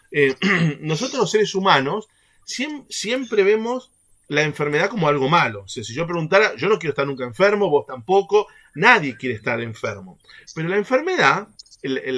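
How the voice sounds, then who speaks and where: Lively man leading a faith workshop. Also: on the high side. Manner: animated, keeps checking in with the group through rhetorical questions. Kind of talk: teaching a catechesis workshop.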